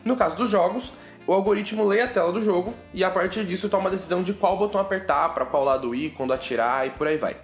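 A man with a high voice talks fast as he hosts a casual science news podcast, bantering with listeners in a Brazilian Portuguese accent. There's a roomy echo and some faint music in the recording.

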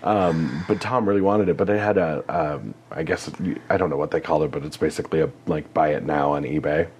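Man, very low voice, rambling guest who laughs a lot; faint background noise. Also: a little fast, a little mellow, dull audio. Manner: chatty, laughing, rambling with fillers. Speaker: guest, community theater actor. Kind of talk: casual chat.

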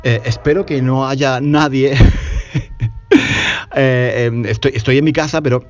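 A man from Spain with a Spanish accent, hosting a Spanish lesson podcast from home, talking loudly and passionately, repeating himself, now sweaty and tired. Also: medium pitch, steady tone, measured pace, lo-fi sound, faint music behind. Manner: passionate, loud, repetitive. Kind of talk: energetic podcast lesson for learners.

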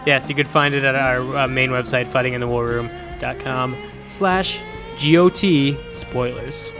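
A man's voice: medium pitch, fairly even intonation, normal speed, over music. A man co-hosting a podcast in a casual, joking style of chat. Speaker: podcast co-host.

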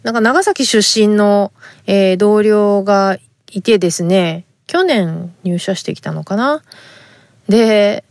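A woman's voice: medium pitch, slow pace, a little mellow, no echo. A woman from Fukuoka, Japan, hosting a podcast and reading listener letters in a polite, chatty way with frequent fillers. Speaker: podcast host.

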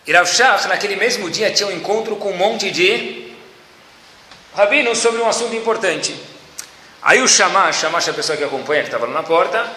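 Male Torah teacher, forceful and bright, voice ringing around a long-reverb hall. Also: sits high, brisk. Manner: keeps calling out to listeners and asking them questions. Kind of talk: religious lecture to a group. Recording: echoey hall with faint ambience.

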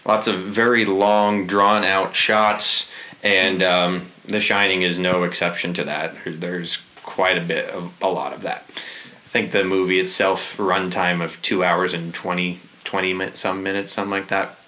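A man's voice: sits low, level tone, a little slow, sharp tone, low-quality recording. A man hosting a casual podcast chat, rambling with lots of fillers and restarts. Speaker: podcast host.

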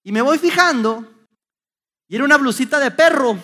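Man, middle-aged, motivational speaker, sharp bright tone, animated storytelling. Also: very high voice, normal speed. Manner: animated storytelling with many restarts. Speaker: youth speaker. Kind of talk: motivational talk to an audience.

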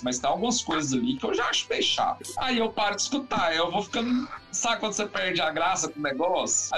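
A man, a musician, talking in a casual interview in a rambling, animated way, full of fillers and restarts. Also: sits high. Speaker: musician guest.

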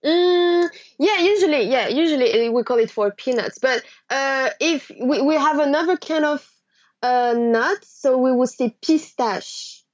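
A woman's voice: high voice, measured pace. Woman switching languages midsentence, muffled sound. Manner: switches between French and English midsentence. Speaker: language teacher translating phrases into French. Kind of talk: conversational language lesson.

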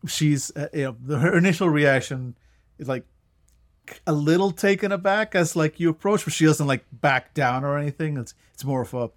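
A man's voice: fairly high pitch, moderate pace. A man narrating as game master in a casual, hesitant way, with frequent restarts.

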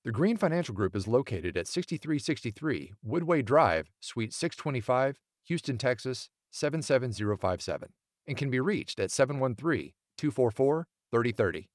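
A man's voice: medium pitch, big pitch swings, normal speed, no room sound, clean studio sound. A man narrating a scripted podcast outro and legal disclaimer as an announcer. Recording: music bed of plucked guitar. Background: guitar music.

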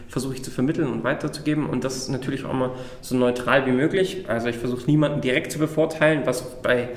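A man being interviewed, explaining things conversationally with hesitant pauses, recorded in a room. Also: medium pitch, fairly even intonation. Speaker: interview guest, games funding project manager. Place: echoey room in an office building. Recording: echoey room.

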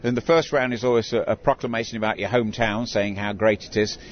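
A man's voice: lowish voice, steady tone, fast. An older man who works as a town crier, telling stories conversationally in an interview. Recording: dull recording with clear background noise.

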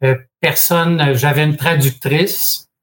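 A franchise expert in his sixties, this Quebec man joins an interview as a guest and relates his story in his Québécois French accent. The pace is measured, the hesitations frequent, and the humor dry. His voice is on the high side and holds a steady tone.

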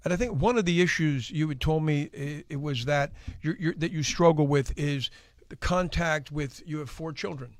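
A man hosting a talk show, asking questions in a halting, stammering way. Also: on the high side, no echo, studio quality. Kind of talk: studio interview.

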